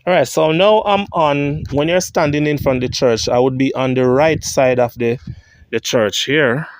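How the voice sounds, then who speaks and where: A man with a Jamaican accent, walking through a churchyard cemetery on a vlog, reading grave inscriptions aloud and thinking out loud. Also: mid-range voice, normal speed, no room sound. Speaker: vlogger.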